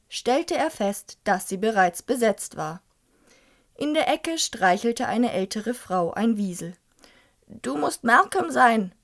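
A young adult woman presenting a scripted book review and reading a passage aloud in a clear, even storytelling manner. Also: medium pitch.

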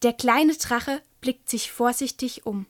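Slow, high-voiced woman reading to children. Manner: gentle, addressing children. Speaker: storyteller. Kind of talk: reading a children's book aloud.

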